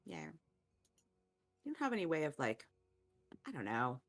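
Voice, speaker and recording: Low-voiced woman thinking aloud. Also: sing-song, moderate pace, soft background music. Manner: thinking aloud, trailing off, laughing often. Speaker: player. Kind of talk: casual tabletop game chat.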